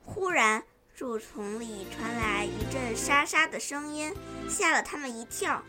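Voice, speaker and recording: A woman storyteller gently reading a children's storybook aloud. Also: on the high side, unhurried, loud music behind the voice.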